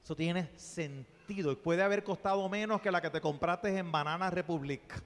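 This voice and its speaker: A man preaching a sermon, playful and animated, dropping to soft asides and then rising to loud exclamations. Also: high-pitched, moderate pace. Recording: long reverb of a church hall.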